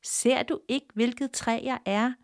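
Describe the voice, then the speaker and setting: A woman's voice: fairly high pitch, steady tone, no echo, clean studio sound, voice pushed up, close to an everyday voice. A woman voicing an old talking oak tree that insists, lecturing, that it must not be cut down. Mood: pleading.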